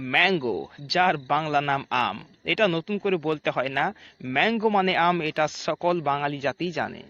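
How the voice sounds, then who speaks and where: A man hosting a casual spoken lesson, chatty and friendly, saying each word twice, slowly and clearly. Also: high voice, a bit bright, no room sound, muffled recording. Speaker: channel host teaching English words.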